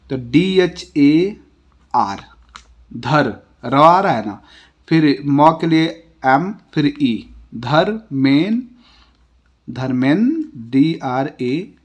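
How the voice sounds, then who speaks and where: An Indian man teaching a classroom lesson, spelling words out letter by letter in a slow, patient way and dropping his voice at the end of each example. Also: fairly high pitch, animated. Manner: ends each example with a falling tone.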